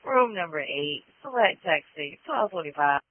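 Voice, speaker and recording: A man's voice: a little high, expressive, moderate pace, dry recording. A male emergency dispatcher reading out addresses and unit codes in a clipped, routine way over a two-way radio. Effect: two-way dispatch radio transmission. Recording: tinny narrow-band radio scanner audio.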